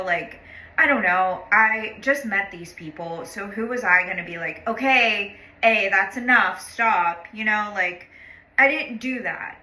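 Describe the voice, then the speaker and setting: A woman's voice: medium pitch, bright, forceful tone. A woman telling a personal story in a chatty, casual way, full of "like" and swearing, blunt and exasperated about people. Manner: chatty, heavy use of "like", frequent swearing; blunt and exasperated when describing others. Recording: roomy echo.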